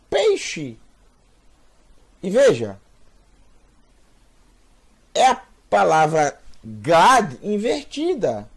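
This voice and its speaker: A man's voice: on the high side, vocal fry, a little mellow, slightly rough. A man giving a beginner's language lesson, patiently sounding out words and repeating them for learners. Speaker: teacher. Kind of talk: slow spoken language lesson.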